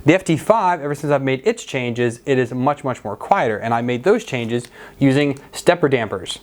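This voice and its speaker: An American man in his thirties talks at a medium pitch in a casual, chatty style. He explains things informally, like a hands-on host speaking to camera in his workshop. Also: lively intonation, normal speed, slight background noise. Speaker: host of a 3D printing channel. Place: cluttered indoor workshop.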